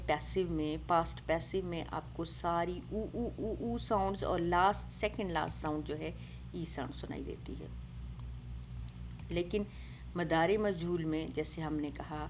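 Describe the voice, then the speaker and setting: A woman with a somewhat low voice teaches grammar, explaining step by step and often checking in with her listeners. She mixes English words into her talk. A steady hiss sits clearly behind her voice. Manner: explains patiently, mixing English words, asks "right?" often. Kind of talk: online grammar lesson.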